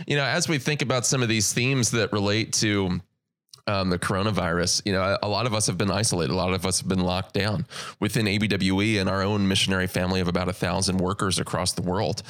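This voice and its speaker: A man's voice: deep voice, fairly even intonation, quick pace, a bit bright. A man co-hosting a podcast in a conversational way, asking the guest questions. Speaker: podcast co-host. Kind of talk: casual interview talk.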